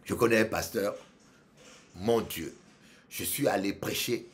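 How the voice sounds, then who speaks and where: A man preaching a sermon as pastor, repeating phrases and swinging from low murmurs to shouts. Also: a little slow.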